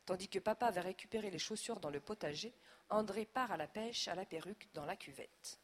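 A woman narrating a children's audiobook in a lively, expressive voice. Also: mid-range voice, fairly quick.

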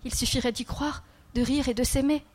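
Woman doing a gentle otherworldly little boy. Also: high-pitched, steady tone, fairly quick, pitched above the performer's own voice. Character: small otherworldly boy child, calm and gentle.

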